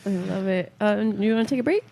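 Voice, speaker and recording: A woman's voice: mid-range voice, a little fast, creaky. A woman co-hosting a podcast in casual, chatty conversation. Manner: animated, chatty. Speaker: podcast co-host. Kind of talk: casual chat.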